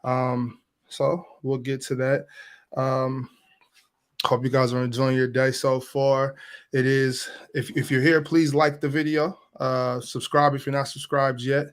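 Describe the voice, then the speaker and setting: Guy hosting a podcast, lots of ums and restarts, average-pitched voice. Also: flat delivery, unhurried. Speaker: podcast host. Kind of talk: casual interview hosting.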